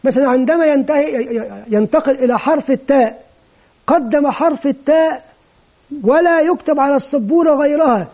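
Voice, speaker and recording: A man giving a measured, methodical lecture that explains step by step how to teach children to read. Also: very high-pitched, a little mellow. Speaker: teacher trainer.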